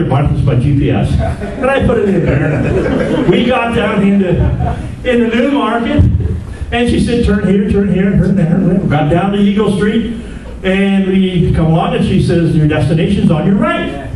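A man's voice: sits high, dark tone, slight background noise. An older man telling his testimony at church, chatty, laughing at his own jokes and repeating words, speaking into a handheld mic. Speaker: church member giving testimony. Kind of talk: storytelling testimony. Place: church hall, indoors. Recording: roomy hall audio from a far camera.

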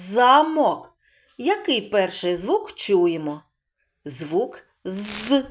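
A woman teaching preschoolers to read, sounding out words slowly and asking questions she answers herself. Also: medium pitch. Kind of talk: slow, clear phonics lesson for young children.

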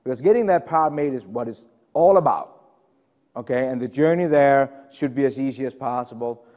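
A middle-aged man from Denmark, speaking with a Danish accent, presents a technical topic at a conference in an easygoing way, using many fillers and poking fun at himself. His voice is medium-pitched and darkish at normal speed, recorded muffled with a big-room sound in a conference room.

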